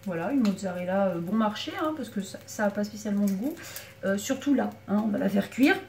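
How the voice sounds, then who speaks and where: A woman's voice: medium pitch, fairly quick, creaky. A woman giving a casual cooking demonstration in her small back kitchen, chatting to viewers as she works, with a slight frog in her throat. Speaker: home cook. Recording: echoey kitchen, mic far off, loud background noise. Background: clattering pans and utensils.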